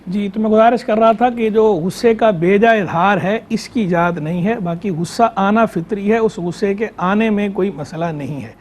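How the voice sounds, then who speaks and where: A man Islamic scholar on a live call-in show, explaining religious rules in a measured way and repeating key terms. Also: high-pitched, a little hiss or hum. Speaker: Islamic scholar answering on air. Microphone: remote line into studio.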